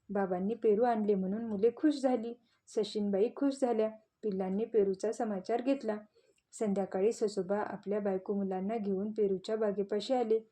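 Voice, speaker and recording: A woman storyteller reads a children's audio tale with gentle expression. Her voice is very dark and mellow, with an even, mid-height pitch. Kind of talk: scripted children's story narration.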